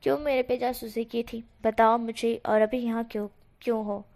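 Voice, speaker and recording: A woman's voice: on the high side, steady tone, moderate pace, darkish tone, lightly acted. A woman doing a wary young man.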